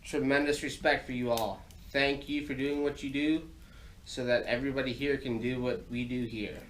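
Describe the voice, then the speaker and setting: A man's voice: mid-range voice, fairly even intonation, normal speed, a little hiss or hum, low-quality recording. An American man hosting a solo podcast from his garage, talking in an informal, folksy, rambling way while recovering from sinus surgery with throat trouble. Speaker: podcast host. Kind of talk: casual solo podcast monologue. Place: home garage.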